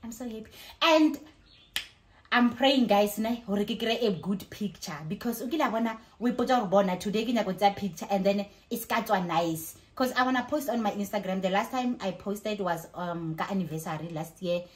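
This South African woman, in her thirties, keeps her vlog chat casual and expressive as she shifts between languages around her living room and kitchen. Her pitch is medium and her pace a little fast, with an excited energy throughout.

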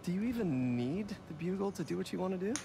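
An actor playing an earnest, self-deprecating young science teacher in naturalistic video game dialogue. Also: male voice, animated, quick pace, vocal fry. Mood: supportive. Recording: game audio with rumbling background noise.

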